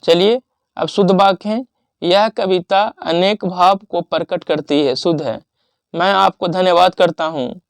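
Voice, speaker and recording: A man teaching exam revision, reading out word lists and rules in a steady listing manner with pauses. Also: high voice, gravelly, no room sound.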